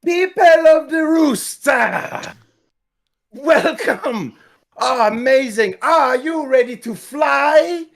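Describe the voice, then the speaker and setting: A man voicing an earnest, nervous underdog team captain, shouting a halting rallying speech to a crowd in a tabletop game. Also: very high-pitched, expressive, gravelly, pitched above the performer's own voice, heavily acted. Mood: rousing, nervous.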